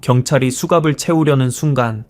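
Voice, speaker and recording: A man's voice: mid-range voice, fairly quick, darkish tone, no echo. Male storyteller with a dry voice. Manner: dramatic storytelling. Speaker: narrator. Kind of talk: first-person story narration.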